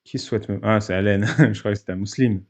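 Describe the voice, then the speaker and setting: A man's voice: lowish voice, fast. A man hosting a live stream, reading in a mock-solemn voice with heavy sarcasm and often laughing. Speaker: host. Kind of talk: satirical live-stream commentary.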